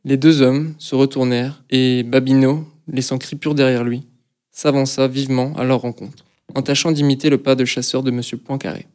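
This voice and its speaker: A man reading a novel aloud as narrator, in a measured, steady storytelling manner. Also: medium pitch. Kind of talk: audiobook reading.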